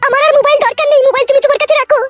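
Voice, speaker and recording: A shrill, quarrelsome village wife, as a woman puts her on. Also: steady tone, racing, dry recording, soft background music. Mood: aggrieved. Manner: shrill and complaining. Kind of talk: comic skit acting.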